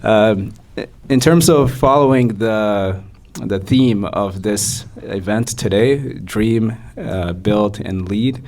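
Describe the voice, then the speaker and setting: A young man from Somalia, a physician, giving a measured personal talk to an audience with frequent fillers. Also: fairly low pitch, darkish tone. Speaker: guest speaker, physician.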